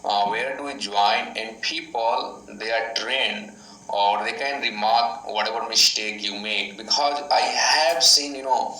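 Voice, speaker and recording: A man's voice: lowish voice, unhurried, pushed and bright. A man, an online English teacher chatting with strangers, hesitating often with fillers. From India, Delhi. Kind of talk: casual video chat with strangers. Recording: echoey room, voice from far off.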